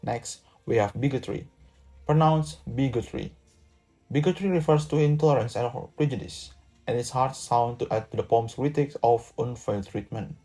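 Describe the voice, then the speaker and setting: Student lecturer from Indonesia, young man, mellow tone, careful scripted delivery, soft music behind. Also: mid-range voice. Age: young adult. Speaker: student presenter. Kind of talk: reading a prepared lesson script.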